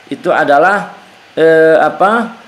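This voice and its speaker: Male religious teacher, fairly high voice, patient repetitive explanation, chanted Arabic verses, echoey hall. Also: slow pace, fairly bright tone. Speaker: Islamic teacher. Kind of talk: Quran exegesis class. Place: women's study gathering. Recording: echoey room.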